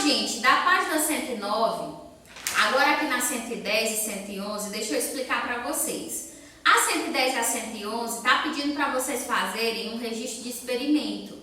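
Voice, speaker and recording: A woman's voice: fairly high pitch, pushed and bright, far from the mic, slight background noise. Brazilian woman teacher in echoey room. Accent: Brazilian Portuguese. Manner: patient, explains step by step and asks questions to children. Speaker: elementary school teacher. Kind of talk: recorded remote class lesson.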